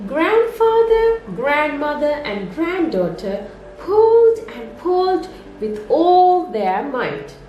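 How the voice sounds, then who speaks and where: Reading to young children, this woman uses an expressive, sing-song nursery-storyteller voice that is high-pitched and slow. The lo-fi recording has a roomy echo with music underneath.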